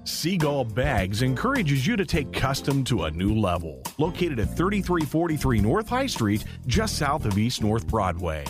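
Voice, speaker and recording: A man's voice: mid-range voice, sing-song, normal speed, hardly any pauses. A man reading scripted narration for a local radio commercial. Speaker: commercial announcer. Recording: music bed behind voice.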